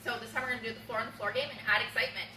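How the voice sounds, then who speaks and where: A woman's voice: steady tone, racing, pushed and bright. A woman dog trainer giving an upbeat, instructive demonstration at home, recorded by a camera across the room. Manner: upbeat, instructive, bursts into high-pitched baby talk for the dog. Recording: roomy, distant camera sound, faint room noise.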